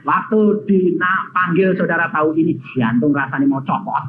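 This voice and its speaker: An older male evangelist, preaching a testimony sermon that swings from shouted lines to hushed ones. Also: fairly high pitch, normal speed. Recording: dull lo-fi sermon recording with faint hiss.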